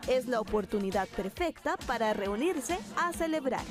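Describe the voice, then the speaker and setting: A woman narrating a TV news feature in a smooth, scripted voice-over. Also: a little high, normal speed. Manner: smooth, steady voice-over delivery. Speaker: TV reporter narrator. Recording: voice-over with music bed.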